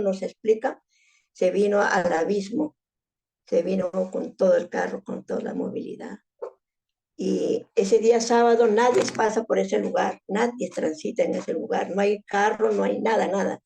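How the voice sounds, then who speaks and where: A woman's voice: mid-range voice, gravelly, mellow. A middle-aged woman, telling a personal story as an interviewee and often ending phrases with a questioning tag. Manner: emotional recounting, frequent "¿no?" tag.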